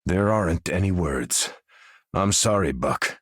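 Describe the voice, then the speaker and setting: An actor with an American accent playing a dutiful, resolute soldier who commands a superhero team in a video game, firm and plain-spoken. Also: male voice, sits low, lively intonation, unhurried, a bit bright, slightly rough, no echo, studio quality, full character voice. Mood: grave, firm. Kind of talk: video game character voice lines.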